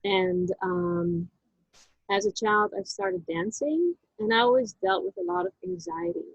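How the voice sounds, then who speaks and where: A woman, telling her personal story as an interview guest in a halting, reflective way, with frequent restarts. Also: mid-range voice, animated, creaky, breathy edge, no room sound, lo-fi sound. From Netherlands.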